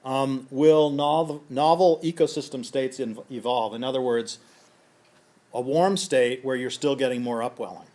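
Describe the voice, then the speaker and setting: Hoarse man lecturing, clearing his throat. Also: mid-range voice, fairly even intonation, moderate pace, hardly any pauses, mellow. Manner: methodical, poses a series of questions. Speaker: scientist presenting a lecture. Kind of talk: conference lecture.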